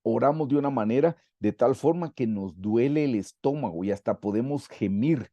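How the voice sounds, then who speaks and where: A man's voice: mid-range voice, expressive, moderate pace, warm tone, no echo, lo-fi sound. A man from Guatemala teaching a Bible study over a video call, speaking prayers aloud in an earnest way and addressing listeners as brothers.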